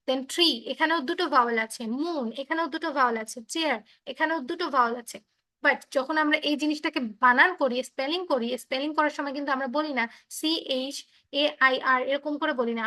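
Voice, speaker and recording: A woman teacher with a Bengali accent leads an online English class, her voice high and bright. She explains slowly and patiently, repeating each point and mixing English with Bengali, heard through a video call. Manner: slow, repetitive explaining, switching between English and Bengali.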